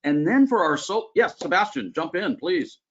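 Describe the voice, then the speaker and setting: Male webinar host, slightly high voice, chatty and upbeat, frequent "uh"s, dull video-call audio. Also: expressive, moderate pace. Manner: chatty, upbeat, many filler "uh"s. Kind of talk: casual webinar presentation.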